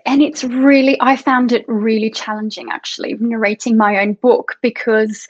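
A fairly high-voiced Australian woman chats casually as an interview host, laughing often. Her audio is muffled and lo-fi. The room has no echo at all. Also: little pitch movement, normal speed. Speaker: podcast host and author.

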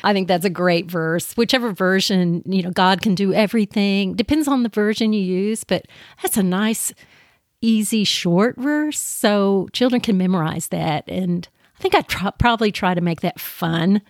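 Podcast co-host, woman, mid-pitched, gentle and eager, dry close recording. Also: normal speed, no room sound. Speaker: children's Bible teacher, podcast co-host. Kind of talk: casual podcast conversation.

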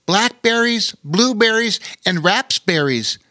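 A bubbly young otter from a storybook, chattering high and bright, bouncing eagerly up and down in pitch. He sounds close and dry, with no room around him. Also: animated, takes it slowly, no echo, heavily acted. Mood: excited.

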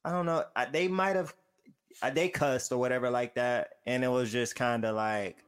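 A man chatting casually, telling stories with slang and acting out what people said in lively voices. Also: medium pitch, normal speed, clear, resonant tone. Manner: animated storytelling, slangy, acts out quotes. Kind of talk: casual chat.

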